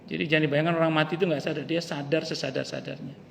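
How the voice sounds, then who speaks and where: A man's voice: fairly high pitch, fairly even intonation, racing, creaky. A male ustaz, giving a casual mosque study-circle sermon and acting out quoted lines as he tells stories. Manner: storytelling with acted quotes, plain colloquial. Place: mosque hall. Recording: reverberant mosque hall, faint hiss.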